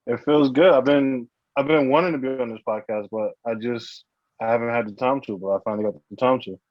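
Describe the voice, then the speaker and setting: A man's voice: mid-range voice, quick pace, no echo, muffled recording. A man appearing as a podcast guest, easygoing and blunt in casual chat.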